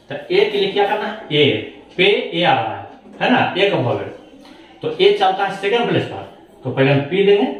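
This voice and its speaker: A male teacher takes his class through the lesson one step at a time, asking questions and answering them himself. His voice sits fairly high and moves up and down a lot. It is recorded from a distance in a strongly echoing room. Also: muffled recording. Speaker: shorthand teacher. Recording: very echoey room, voice far from mic.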